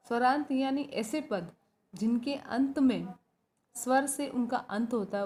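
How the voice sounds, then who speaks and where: A woman's voice: on the high side, darkish tone, a little hiss or hum. A woman teacher giving a recorded school lesson, explaining step by step, asking her own questions and answering them, and often checking in with "right?". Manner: often adds "है ना" to check understanding.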